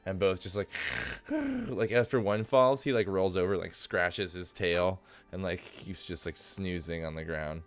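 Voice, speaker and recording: A man's voice: deep voice, steady tone, normal speed, hardly any pauses, smooth. A man running a tabletop game as game master, narrating scenes in a loose, chatty way full of "like". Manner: loose and chatty, heavy use of "like".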